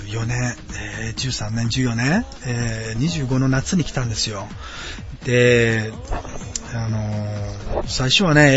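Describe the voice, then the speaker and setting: A man in his late thirties from Osaka, hosting his own podcast in a friendly, rambling way with many hesitant fillers. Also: medium pitch. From Osaka, Japan. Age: late 30s. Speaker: podcast host. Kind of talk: casual solo podcast chat. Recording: dull lo-fi sound with faint background music. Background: quiet background music.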